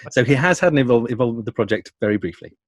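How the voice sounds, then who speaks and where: An audio producer talks enthusiastically in a conversational interview about creative work, his mid-range voice expressive and racing. He's wordy and often rephrases as he goes, and the recording has no echo.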